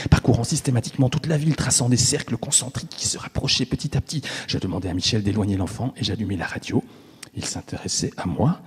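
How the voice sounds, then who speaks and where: A man giving an intimate, expressive first-person literary reading, with long reverb on the voice. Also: lowish voice, husky. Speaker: reader.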